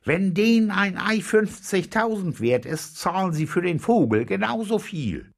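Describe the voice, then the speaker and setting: A gruff old tugboat captain bellows with a gravelly, husky rasp, as a male reader puts him on. His voice jumps high above the reader's own deep tone and swings widely in pitch. It is a storybook figure who shouts his plans at his crew. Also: big pitch swings, a little slow, full character voice. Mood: stubborn.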